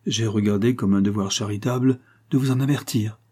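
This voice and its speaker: A tearful, pleading widow, tender and bitter by turns, as a male narrator puts her on. The voice stays dark and husky, with a soft breathiness. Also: fairly low pitch, fairly even intonation, a little fast. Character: emotional middle-aged widow, tender then bitter.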